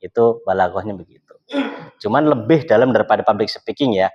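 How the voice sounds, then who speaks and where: A male Islamic religious teacher explains things in a casual talk, posing rhetorical questions and then answering them himself. His voice is husky, brisk, and on the low side, and the recording has a slightly dull, lo-fi sound.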